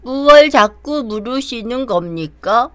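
A woman's voice: fairly high pitch, lively intonation, takes it slowly, no room sound. A woman playing a bold, cunning male monkey hero in an audio drama. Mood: aggrieved, feigning.

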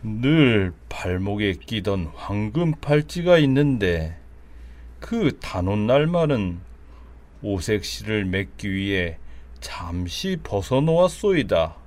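A man's voice: on the low side, sing-song, takes it slowly, a little mellow. An actor playing a grave, courteous king with formal archaic speech in an audio drama. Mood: earnest, wistful. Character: grave, courteous human king confiding his troubles.

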